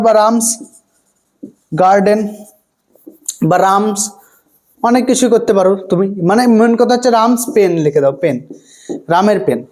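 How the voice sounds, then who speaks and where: A man's voice: sits high, mellow. Male teacher who keeps checking understanding. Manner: repeats points and keeps asking students for confirmation; asks questions and answers them himself. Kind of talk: online grammar lesson.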